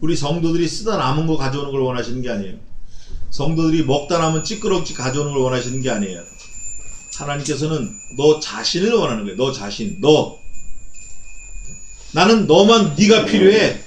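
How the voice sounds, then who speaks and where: A male pastor preaching a sermon, emphatic and animated, acting out quoted speech. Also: medium pitch, quick pace, echoey room, slight background noise. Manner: emphatic, voices God in dramatic quoted lines. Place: church sanctuary.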